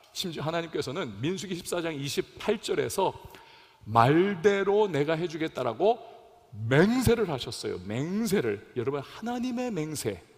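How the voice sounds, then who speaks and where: A man preaching a sermon as pastor, telling stories with sudden loud rises and quiet drops. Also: fairly high pitch, creaky. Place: church sanctuary. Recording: long hall reverb.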